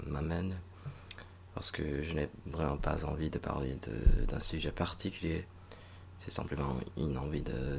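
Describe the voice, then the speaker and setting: A young man from northern Virginia, a native English speaker, talking slowly and hesitantly in a reflective monologue, with many pauses and restarts. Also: a bass voice, gravelly, a little hiss or hum. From United States (northern Virginia). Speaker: recent master's graduate vlogger.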